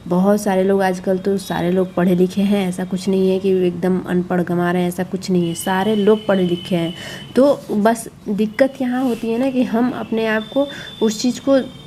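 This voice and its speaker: A woman's voice: mid-range voice, little pitch movement, normal speed, mellow, a little hiss or hum. A woman explaining a schoolbook to parents, coaxing and reassuring, often repeating herself.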